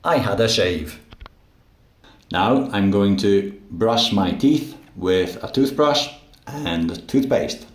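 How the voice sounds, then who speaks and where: Male English teacher, slow and deliberate, somewhat low voice, roomy recording. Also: lively intonation, a little hiss or hum. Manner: clear, deliberate teaching delivery. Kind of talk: slow, simple narration of daily actions.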